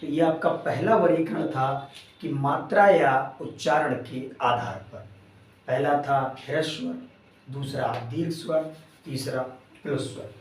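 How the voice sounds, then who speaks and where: A man teaching a lesson at a slow, measured pace, his voice set a little higher than most men's. He is recorded from a distance in a very echoey room. He keeps repeating key terms back to his students as questions. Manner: addresses students warmly as friends. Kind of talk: classroom grammar lesson. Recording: very echoey room, voice far from mic.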